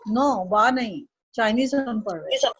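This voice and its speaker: Woman teacher, high voice, dry dull lo-fi sound, patient drilling. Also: husky, dry recording. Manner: patient, slow drilling with repeat-after-me syllables. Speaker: Chinese language teacher. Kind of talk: online language lesson.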